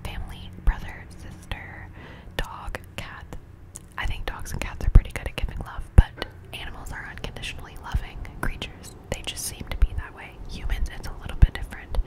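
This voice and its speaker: A woman gives a whispered ASMR pep talk of affirmations, breathy and close to the mic, casual and candid, repeating words for effect. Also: fairly quick, poor audio. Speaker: ASMR video host. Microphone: close-up microphone.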